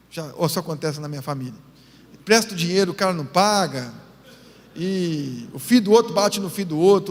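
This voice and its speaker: High-voiced pastor preaching in a hall. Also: male voice, slightly rough. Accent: Brazilian Portuguese, Northeastern. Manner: emotional storytelling, calls the church brothers and sisters. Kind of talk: sermon. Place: large church hall. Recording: long church hall reverb.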